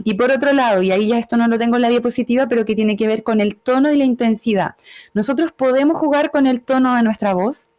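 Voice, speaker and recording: Her voice is on the high side with a darkish tone as she teaches about communication in a webinar over video call. She's patient in her explanations and keeps checking in with brief tag questions.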